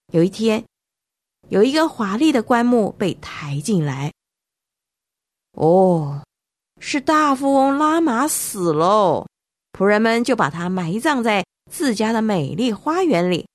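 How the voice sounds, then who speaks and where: A woman narrating a Bible story for children, animated and speaking directly to the young listeners. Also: mid-range voice, dry recording, clean studio sound.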